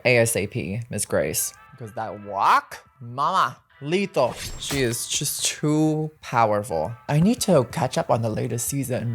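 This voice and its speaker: Sassy drag queen chatting over music. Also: mid-range voice. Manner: sassy drag queen talk, playful and emphatic. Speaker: makeup tutorial host, drag performer. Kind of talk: casual get-ready-with-me makeup chat. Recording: music behind the voice.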